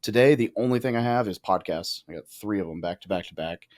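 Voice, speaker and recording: A man in his thirties speaks with a somewhat low voice in relaxed podcast conversation. He is casual and a little profane, tossing in asides and restarting his thoughts as he goes. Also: fast talker. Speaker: podcast guest, real estate investor.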